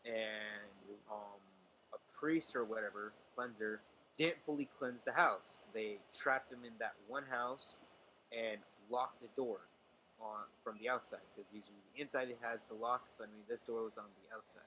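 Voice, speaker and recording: Young man, bright voice, faint hiss behind, dramatic rambling storyteller. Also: mid-range voice, poor audio. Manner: hesitant, dramatic, lots of fillers and restarts. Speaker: streamer's boyfriend telling a ghost story. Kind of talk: casual storytelling on a livestream call.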